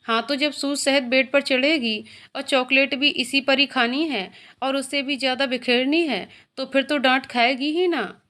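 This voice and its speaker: A woman's voice: high voice, fairly even intonation, normal speed, hardly any pauses, sharp tone. A woman voicing a young husband who teases and grumbles in a dry, joking way. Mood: teasing. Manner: teasing, mock-grumbling.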